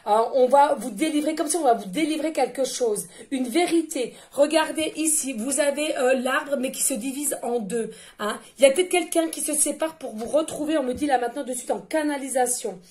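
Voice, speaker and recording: Woman medium, high voice, gushing and talkative, speaks right to her audience during a card reading. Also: darkish tone. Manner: effusive, exclamatory, chatty; addresses listeners directly and often. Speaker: tarot and oracle card reader. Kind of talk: channeled card reading for viewers.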